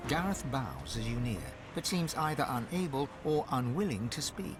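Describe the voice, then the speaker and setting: An actor playing a solemn, dramatic storyteller narrating a video game. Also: male voice, medium pitch, very animated, normal speed, over music, close to an everyday voice.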